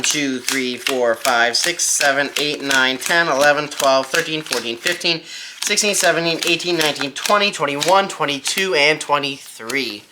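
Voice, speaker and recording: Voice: medium pitch, pushed and bright. A presenter giving a casual, step-by-step magic tutorial, informally thinking aloud while demonstrating by hand.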